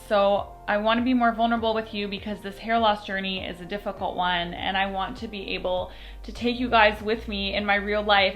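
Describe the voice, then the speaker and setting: A woman's voice: mid-range voice, bright, forceful tone. A woman talking candidly to camera in a casual vlog, recorded as a phone video on the phone's own mic, chatty and full of fillers. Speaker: vlogger. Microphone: phone microphone, no external mic.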